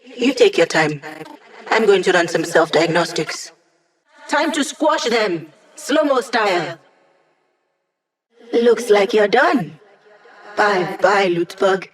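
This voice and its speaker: A woman's voice: mid-range voice, animated, slow pace, long pauses. An actress voicing a snarky young female hacker in a video game, talking in a casual, wry, sardonic way. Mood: teasing, playful.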